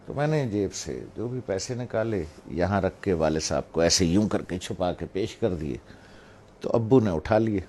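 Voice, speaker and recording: A middle-aged Pakistani man with a low voice gives a moral talk, telling a personal anecdote in a relaxed way. He points out his gestures as he speaks, and there is slight background noise.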